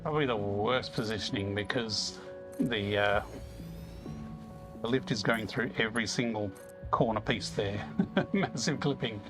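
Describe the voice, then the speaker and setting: A man's voice: on the low side, measured pace, long pauses, music in the background. A man giving casual gameplay commentary, thinking aloud in a self-deprecating way as he hosts. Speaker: gaming video host.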